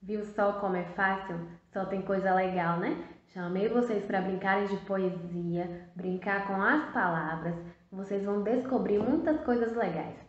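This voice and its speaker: A woman with a Brazilian Portuguese accent teaching a first-grade class in a recorded video lesson, stretching words out in a slow, sing-song teacherly way. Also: mid-range voice. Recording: very echoey, dull lo-fi sound.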